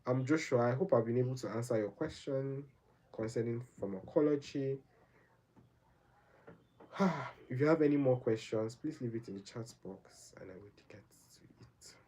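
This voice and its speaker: Heard on a low-quality recording with slight background noise, a young Nigerian man in a mid-range, dark-toned voice hosts a live Q&A at a moderate pace. He rambles earnestly through his advice, repeating points and often adding "right?".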